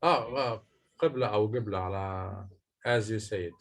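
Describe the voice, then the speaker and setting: A man's voice: fairly low pitch, unhurried, gravelly, fairly bright tone. A male teacher in a classroom, patiently explaining a lesson to students step by step with frequent hesitations. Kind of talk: classroom lesson, questions and answers.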